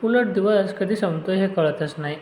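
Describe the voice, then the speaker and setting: Man reads gentle young suitor in audio story, soft coaxing voice, fairly high pitch, roomy sound. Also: moderate pace, slight background noise, close to an everyday voice. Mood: tender. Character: gentle young man, tender friend and photographer.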